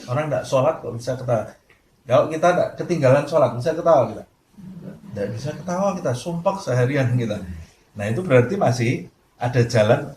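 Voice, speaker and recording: A man's voice: mid-range voice, fairly quick. A male Islamic preacher giving a sermon, telling stories and acting out the lines of the people in them. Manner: lively storytelling, acting out quoted dialogue. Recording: echoey room with faint noise.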